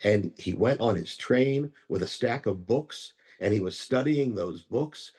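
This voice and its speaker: A man who is a rabbi, telling a parable in a measured way and slowing down for key lines. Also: on the low side, expressive, mellow. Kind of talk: storytelling teaching.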